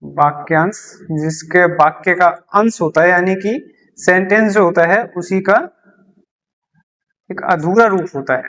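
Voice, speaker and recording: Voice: mid-range voice, measured pace, fairly bright tone. A teacher gives a beginner English lesson explained in Hindi, repeating key terms and answering their own questions while writing examples on a board.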